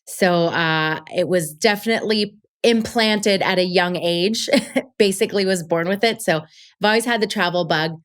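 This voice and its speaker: Upbeat female podcast guest, slightly low pitch, casual and chatty. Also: moderate pace, a bit bright. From Colombia. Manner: chatty, upbeat storyteller with fillers. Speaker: podcast guest, travel show creator. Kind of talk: casual interview chat.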